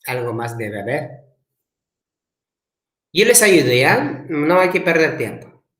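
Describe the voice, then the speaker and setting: A man teaching an online language class, repeating his questions slowly and coaxing students to answer in the chat. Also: a little high, sing-song, a bit bright. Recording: echoey room.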